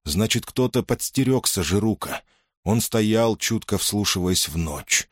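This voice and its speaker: Male audiobook narrator, deep-set voice, dry booth sound. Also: animated, measured pace, no echo. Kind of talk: scripted narration.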